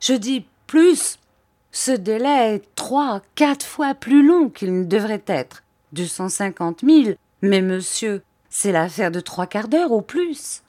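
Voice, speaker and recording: A woman reading aloud who voices an excitable young English male inventor, exclaiming in loud, feverish outbursts. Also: mid-range voice, slow pace, no echo, studio quality, voice pushed up.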